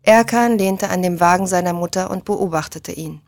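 Woman narrator, thriller audiobook, measured delivery, very dry close sound. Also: lowish voice, darkish tone, no echo.

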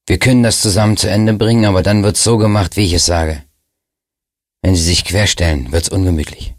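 A man voicing a commanding male police chief who gives firm, brisk orders, in an audiobook reading. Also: sits low, steady tone, no echo, studio quality, close to an everyday voice.

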